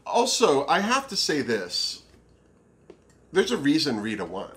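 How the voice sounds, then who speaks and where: A man in a casual review chat, talking in a campy drag queen manner with drawn-out emphasis. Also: on the high side, huge pitch swings, a loud crowd. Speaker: drag show review co-host.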